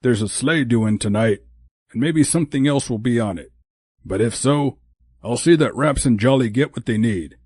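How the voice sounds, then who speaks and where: A man voicing a small, brisk, cheerful male elf in an audiobook, with a chirpy, bossy manner. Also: mid-range voice, darkish tone, slightly rough, no echo, clean studio sound, voice pushed up, natural voice. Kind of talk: audiobook character voice.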